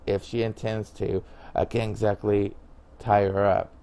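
A man reads a visual novel aloud in a casual way, with a low voice. He often stumbles on a word and starts it again, and he slips in quiet side comments between the lines of the story. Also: little pitch movement, unhurried, smooth. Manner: stumbles, restarts, mutters asides. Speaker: game narrator.

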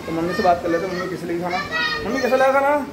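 Chatty family vlogger, noisy audio. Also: male voice, high-pitched, expressive, rapid-fire. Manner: chatty, keeps addressing viewers as brother. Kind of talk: casual family vlog. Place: at home. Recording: noisy home phone recording.

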